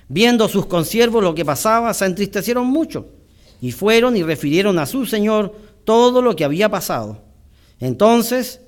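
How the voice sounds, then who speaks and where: Male preacher, high voice, church sermon, reads scripture, then explains slowly with pauses. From Chile.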